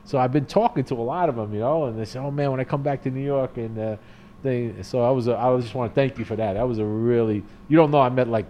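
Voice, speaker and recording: A man, a barber, talking earnestly in casual chat at a barbershop, with halting restarts. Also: medium pitch, mellow, muffled recording, a little hiss or hum.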